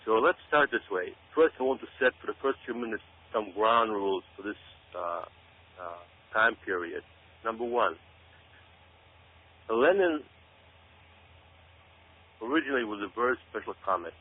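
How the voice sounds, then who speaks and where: Husky and lowish, this man's voice is expressive, moving at a moderate pace with long pauses. He's an author and researcher from Israel, guesting on a radio show with emphatic explanations and frequent repeated phrases for emphasis. Tinny, phone-like radio audio carries his words.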